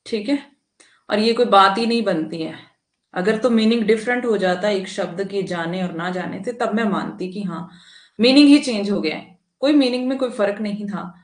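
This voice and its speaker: A woman's voice: mid-range voice, moderate pace, reverberant. A woman teacher talking to students in a live online class, indignant and emphatic, with frequent tag questions. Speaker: online Hindi exam teacher.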